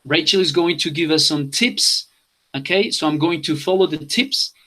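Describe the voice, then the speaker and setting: Brief: man from Colombia, slightly high voice, online bilingual English class. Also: lively intonation, unhurried, pushed and bright. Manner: switches between English and Spanish, repeating instructions. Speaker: English teacher.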